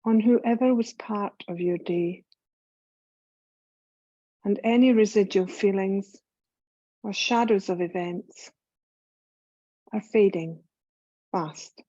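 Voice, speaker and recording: A woman acting as a yoga nidra teacher leads a scripted meditation in a calm, soothing, unhurried way, leaving long pauses between phrases. Her voice sits in the mid range, and the audio is dull with no echo.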